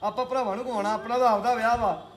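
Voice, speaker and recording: A man's voice: very high-pitched, fairly even intonation, rapid-fire, a loud crowd. Young punjabi guy explaining stuff to friends, keeps insisting, people talking all around. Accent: Indian Punjabi. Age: 20s. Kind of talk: casual chat among friends.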